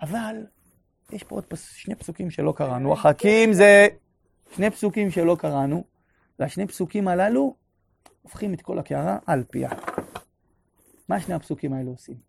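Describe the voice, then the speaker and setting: A man teaching a live class on prayer, leading guided imagery with questions and building to loud exclaimed refrains. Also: high-pitched, creaky, pauses often, husky. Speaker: religious teacher.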